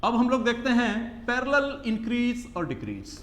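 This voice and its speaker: A man's voice: very high-pitched, huge pitch swings, moderate pace, fairly bright tone. A man teaching English grammar in a coaching class, repeating phrases and asking the class rhetorical questions. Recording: echoey classroom.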